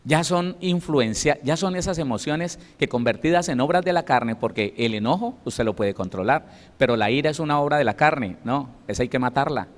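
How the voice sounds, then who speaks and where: Here a pastor from Colombia delivers a sermon in a church hall, emphatic and acting out quotations in his Colombian Spanish accent. His mid-range voice has lively intonation and a moderate pace. The recording has long hall reverb.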